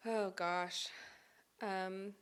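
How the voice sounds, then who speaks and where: A young pregnant singer, a guest in an interview, answers questions openly and thoughtfully, slightly out of breath, with light laughs and many ums. Her medium-pitched voice is fairly even in intonation, a bit bright and clean, and she draws out her words.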